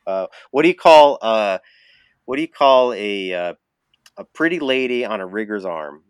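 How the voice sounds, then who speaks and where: A man's voice: lowish voice, lively intonation, normal speed, clear, resonant tone, no echo. A man telling a long, rambling story in casual chat, with many fillers and frequent laughs. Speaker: rigger telling stories.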